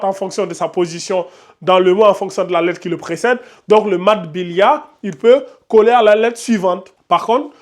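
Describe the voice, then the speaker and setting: A man teaching Arabic letters and Quran reading in an online lesson, sounding out syllables slowly and loudly, then explaining them patiently. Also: high-pitched.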